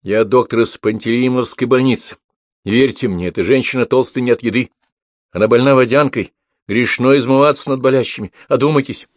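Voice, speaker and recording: A man voicing a young doctor who speaks firmly and reasons calmly with an angry crowd, in an audiobook. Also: medium pitch, fairly quick, no room sound, clean studio sound, pitched above the performer's own voice, natural voice. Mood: urgent, firm. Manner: commanding, reasoning. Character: young male doctor, firm and calm.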